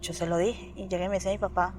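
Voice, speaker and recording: A woman's voice: fairly low pitch, fast, soft background music. A woman with a Colombian accent, an interview guest recounting a personal experience, acting out the voices in her story and often checking that the listener follows. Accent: Colombian Spanish. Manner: animated storytelling, acting out quoted dialogue, frequent "¿me entiendes?".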